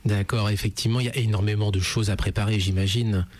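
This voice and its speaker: A man's voice: on the low side, fairly even intonation, fast. A man hosting a radio interview, friendly and hesitant with many fillers, on a studio microphone. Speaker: radio host.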